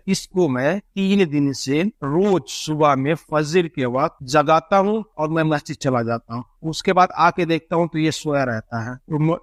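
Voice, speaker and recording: A man's voice: on the high side, no room sound, clean studio sound. A young man vlogging in a casual, chatty way, retelling a whole conversation line by line in quotes. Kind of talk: casual storytelling vlog.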